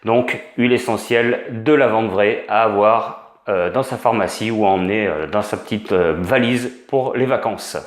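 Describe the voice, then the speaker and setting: A man's voice: lowish voice, normal speed, hardly any pauses, reverberant. A man giving an informal spoken lesson as an instructor, hesitant, with many fillers and restarts. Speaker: essential oils instructor.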